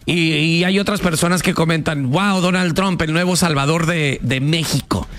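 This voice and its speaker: Man, call-in radio host, slightly high voice, argumentative, pushes back hard. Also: moderate pace, fairly bright tone. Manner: pushy, argumentative, raises voice when challenging.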